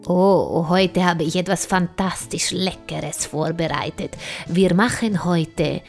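A woman's voice: fairly low pitch, slow pace, vocal fry. Woman voicing a proud bear chef. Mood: cheerful. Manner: warm, encouraging teacher tone. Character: five-star bear chef, cheerful and proud. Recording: soft music underneath.

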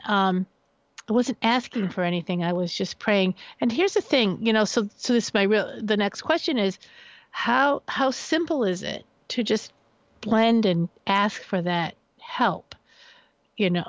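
A woman's voice: medium pitch, unhurried, no echo, highs cut off. A woman hosting a radio talk show, affirming her guest often and announcing the break.

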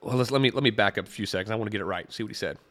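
A man with a fairly low, fairly bright voice talks rapid-fire on his podcast, critiquing a sermon clip with no room sound in the recording. He keeps it conversational, reads scripture aloud, and lets out wry chuckles.

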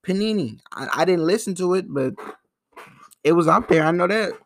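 Gravelly young man rambling on a podcast. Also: high-pitched, lively intonation, moderate pace, a bit bright, slight background noise. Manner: loose, rambling and profane, with frequent restarts and slang. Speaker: podcast host. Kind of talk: casual solo podcast commentary.

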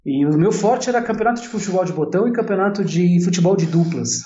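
Here the entrepreneur sounds high-pitched, animated and fast, with a dark tone, as he chats about his own story during an interview. In his forties and from Italy and São Paulo, Brazil, he speaks with a São Paulo Brazilian accent and often repeats and rephrases. Audio is roomy and slightly dull.

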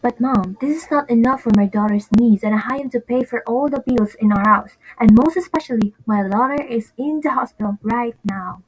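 A woman's voice: a little high, normal speed, few pauses, breathy edge, poor audio. A woman playing a devoted, determined single mother in an amateur audio drama, earnest and emotional. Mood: pleading.

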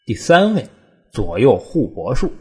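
Male countdown narrator, animated intonation, slightly husky voice, colloquial and wry. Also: mid-range voice, unhurried.

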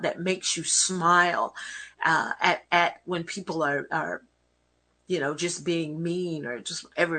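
Bright-voiced Texan woman talk host. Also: lowish voice, slightly rough. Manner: lively, laughing, acts out quoted dialogue. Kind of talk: faith talk show monologue.

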